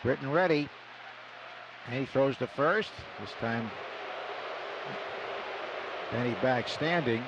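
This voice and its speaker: An American man calls baseball play-by-play live on radio from the stadium booth, speaking slowly in a mid-range voice and pausing often. The muffled recording is full of loud ballpark noise.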